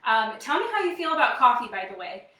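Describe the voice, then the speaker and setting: In a chatty livestream product demo, this direct-sales kitchenware consultant with a Midwestern Wisconsin accent talks fast to her viewers. Her slightly high voice is upbeat, sing-song, pushed and bright, picked up from a distance with roomy echo.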